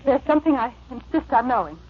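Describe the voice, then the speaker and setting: A headstrong young gentlewoman in an old radio drama. Her voice is high and swings widely, imperious and theatrical, on a muffled vintage recording. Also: lively intonation, fast talker, husky. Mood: jealous, intense. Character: headstrong, jealous, tempestuous young married gentlewoman.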